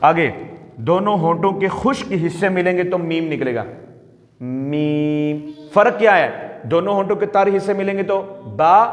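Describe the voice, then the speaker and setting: A man with a fairly high voice teaches recitation, repeating each point and asking his students questions. He draws sounds out slowly to show how they are made. His voice rings around a roomy space with a long, hanging reverb. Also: expressive. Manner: stretches out sounds slowly to demonstrate them. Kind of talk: teaching lesson. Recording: echoey room with long reverb.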